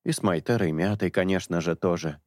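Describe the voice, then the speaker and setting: A man voicing a patient young priest in an audiobook, coaxing and reasoning in a low voice. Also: brisk, a little mellow, dry recording, natural voice. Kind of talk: audiobook character dialogue.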